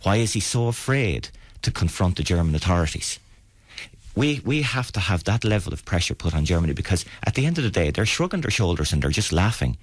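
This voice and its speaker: Irish male campaigner, deep dry voice, plain-spoken and insistent interviewee. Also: very animated, brisk, slightly rough, no echo. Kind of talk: radio interview.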